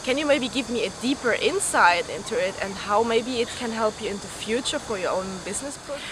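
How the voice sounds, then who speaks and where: A woman's voice: fairly high pitch, expressive, a little fast. A woman interviewer asking polite, structured questions on a university campus. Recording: clear background noise.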